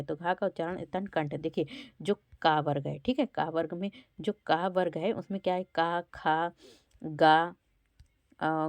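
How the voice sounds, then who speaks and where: A woman's voice: lowish voice, darkish tone, no room sound. A woman teacher going through exam quiz questions one by one, sounding out each letter aloud to show where it is spoken from. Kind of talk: exam-prep lesson.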